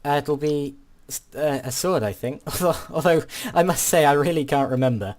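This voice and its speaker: A teen gaming host commentates on what he's playing, hesitating often and choosing polite, old-fashioned wording. His voice is fairly high, a little mellow, with a moderate pace.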